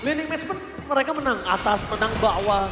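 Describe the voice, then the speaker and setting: Indonesian man as excitable esports caster, very high-pitched, dramatic drawn-out calls, music behind. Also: echoey room. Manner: dramatic calls with drawn-out words and English gaming terms.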